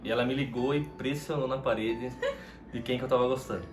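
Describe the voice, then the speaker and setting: A man's voice: medium pitch, fairly even intonation, brisk. A Brazilian man casually telling his side of a couple's story and prompting his partner. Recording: echoey room with background music.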